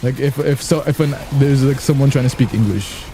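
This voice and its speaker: Joking male game streamer, dark voice. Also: medium pitch, brisk, faint music behind. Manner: joking, rambling, self-boasting. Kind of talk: casual gameplay commentary.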